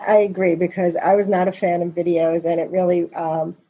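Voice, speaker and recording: A woman's voice: lowish voice, flat delivery, brisk, dark tone, slightly rough, no room sound, muffled recording. A woman hosting an interview, reflecting on her own experience and asking long, searching questions. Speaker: interview host. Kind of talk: interview over a call.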